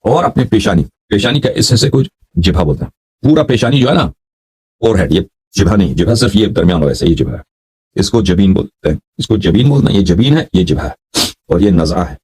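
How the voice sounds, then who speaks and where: A man teaching as a religious scholar, slowly reciting Arabic text and explaining it in with repeated checks on his listeners. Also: lowish voice, animated, a little mellow, husky. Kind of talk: explaining an Arabic hadith text line by line in Urdu.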